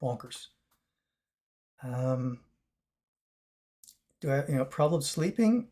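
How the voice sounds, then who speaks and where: A male vlogger with a raspy, chesty, mid-range voice chats casually to the camera while recovering from a long fast. His tone is warm and his intonation lively, though he rambles, filling his talk with fillers and restarts.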